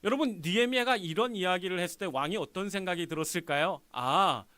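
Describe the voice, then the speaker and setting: A man's voice: high-pitched, fast talker, clean tone, dry recording. A male pastor preaching a sermon, telling the story with acted-out lines and questions to the congregation. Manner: animated storytelling, acts out dialogue, asks the congregation questions. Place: church sanctuary.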